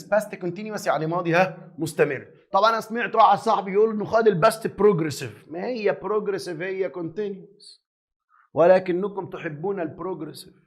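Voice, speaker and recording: A fast-talking man with a high, quick voice and an Egyptian Arabic accent runs through an exam review lesson. He is lively and teasing, firing questions at his students and answering them himself. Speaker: English teacher.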